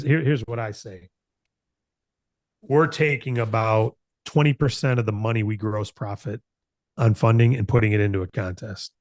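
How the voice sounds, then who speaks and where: A creaky, darkish, medium-pitched male voice, with no echo, belongs to an American company founder in his late fifties. Hosting a broker announcement meeting, he offers an informal motivational business talk that is earnest and conversational, with phrases repeated for emphasis.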